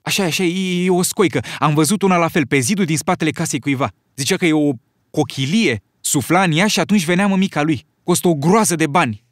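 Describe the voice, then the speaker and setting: Man doing a high-pitched nervy boy with glasses, excitable, sing-song delivery, dry close sound for an audiobook. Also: few pauses, no echo. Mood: excited. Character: chubby anxious boy with glasses, fretful, excitable. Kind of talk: audiobook reading.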